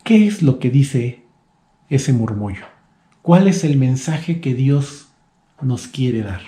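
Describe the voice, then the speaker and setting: A man in his thirties preaching a soft, earnest, reflective devotional sermon. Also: mid-range voice, expressive, takes it slowly, echoey room.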